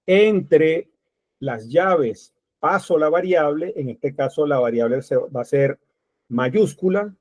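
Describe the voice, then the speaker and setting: A man's voice: fairly high pitch, expressive, slow, darkish tone, no room sound. A man teaching a programming class, thinking aloud step by step while he types code. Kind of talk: screen-recorded coding tutorial. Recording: dull, lo-fi dry recording.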